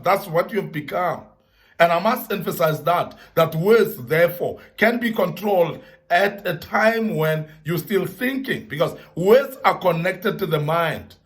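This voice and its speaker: High-pitched guy giving an earnest pep talk to young men, repeats stuff for emphasis. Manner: earnest, repetitive emphasis, Bible references. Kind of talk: motivational talk.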